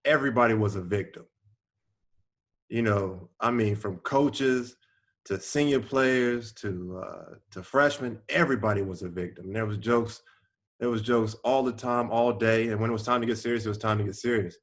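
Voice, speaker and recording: A man with a fairly low voice looks back on old times over a video call. He speaks emphatically and drives each point home by repeating it. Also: normal speed. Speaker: former player on a team reunion call. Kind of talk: casual reminiscing.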